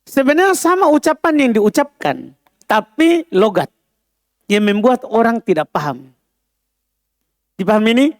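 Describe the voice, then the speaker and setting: A man's voice: sits high, sing-song, normal speed, long pauses, no echo, studio quality. A man teaching an Arabic lesson, explaining patiently and often checking whether students understand. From Indonesia. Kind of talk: classroom lesson.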